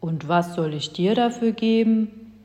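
A woman puts on a huge frost giant who grumbles his words slowly and heavily, a gruff, slow-witted male creature from a children's story. The voice rings out with a long hall reverb behind it. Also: medium pitch, dark tone, muffled recording, lightly acted. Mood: grumbling puzzled.

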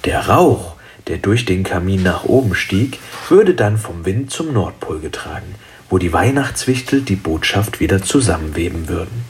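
A man narrating a children's story in a lively, expressive way. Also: sits low, normal speed, a little hiss or hum.

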